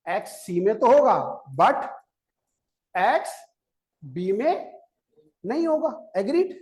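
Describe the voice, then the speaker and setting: A man's voice: sits high, very animated, takes it slowly, a little mellow. A male maths teacher giving a classroom lecture, coaxing his students, quizzing them and repeating each step. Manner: keeps quizzing students and repeating key steps; coaxing, urges students to listen before writing.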